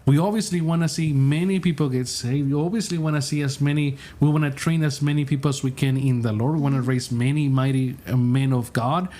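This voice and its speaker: A man's voice: medium pitch, fairly even intonation, a little fast, hardly any pauses, warm tone. A man who is a pastor, earnestly telling a story in casual conversation and stringing his sentences together with repeated "and.".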